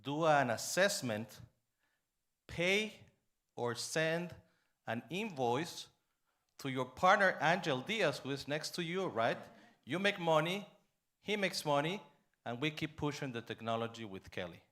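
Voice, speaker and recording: A man's voice: on the high side, lively intonation, a little slow, a bit bright. Enthusiastic man asking a long question. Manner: enthusiastic, wordy, adds "right?". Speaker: audience member, startup robotics head. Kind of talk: conference Q&A.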